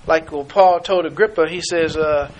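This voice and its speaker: A man preaching a sermon, halting and searching for words, acting out the scripture quotes. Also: a little high. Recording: noisy recording.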